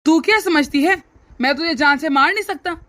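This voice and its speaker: A woman's voice: high voice, fairly quick, sharp tone. A woman voicing a hot-tempered young husband in a cartoon who blusters and threatens his wife. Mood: threatening.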